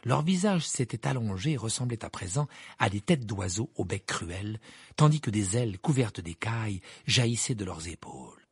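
A man narrating a storybook aloud, his reading lively and full of swoops in pitch. His voice sits slightly high and has a gravelly, husky grain, recorded close and dry. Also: normal speed, dry recording. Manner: expressive, animated reading. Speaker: audiobook narrator. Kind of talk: scripted narration.

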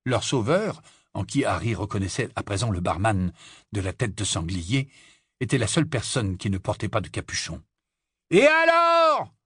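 A man narrating a novel in a low-key, even reading voice. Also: normal speed, husky, no echo, clean studio sound. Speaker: audiobook narrator. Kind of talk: scripted narration.

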